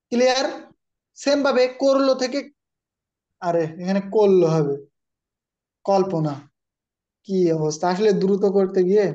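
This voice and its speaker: A man's voice: high-pitched, a little mellow, highs cut off. A man with a Bangladeshi Bengali accent teaching an online exam-prep grammar class, who explains patiently and calls on students by name.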